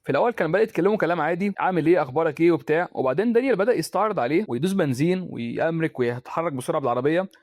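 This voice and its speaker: A man's voice: on the high side, expressive, rapid-fire, hardly any pauses, darkish tone, no room sound, clean studio sound. A man with an Egyptian Arabic accent narrating a film recap in a chatty, casual way with colloquial asides.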